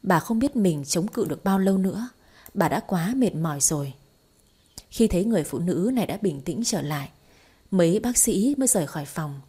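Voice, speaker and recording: A woman reading a romance story aloud in steady, scripted audiobook narration. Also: lowish voice, a little fast, husky.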